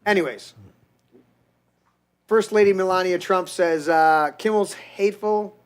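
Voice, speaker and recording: Man, podcast host, profane rant, heated, slightly high pitch. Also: a little slow, clean tone. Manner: heated, crude, restarts often.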